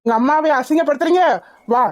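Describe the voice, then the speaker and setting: Cartoon rowdy young man, voiced by a woman, bullying, threatening, highish voice. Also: fast talker, no echo, natural voice. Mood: menacing. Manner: menacing, bullying.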